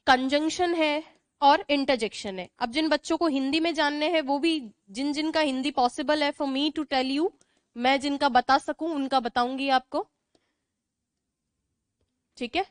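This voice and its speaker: High-voiced woman teaching grammar. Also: measured pace, no echo. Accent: Indian. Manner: explains in Hindi mixed with English, repeats points and asks the class questions. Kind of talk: online class lecture.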